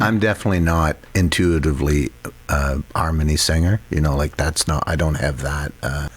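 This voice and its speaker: A man, a songwriter in a band, talking in a relaxed interview, thoughtful and rambling with many fillers. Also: rumbling low, normal speed, husky. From Canada.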